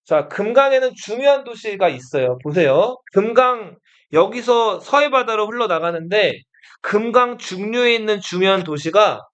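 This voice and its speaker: A man's voice: high voice, a bit bright, highs cut off. A male history teacher lecturing a class, often asking the students questions and repeating their answers.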